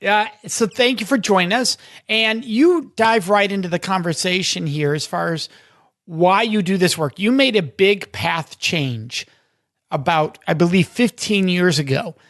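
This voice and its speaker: A man's voice: high voice, a little slow, a bit bright, no echo, studio quality. A man hosting a podcast, reading a scripted introduction, then chatting with his guest. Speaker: podcast host.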